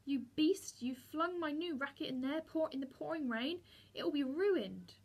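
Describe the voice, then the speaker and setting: A woman's voice: fairly high pitch, lively intonation, brisk, slightly rough. A woman reading the part of a furious, proud schoolboy, raising her voice indignantly. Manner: shouting indignantly.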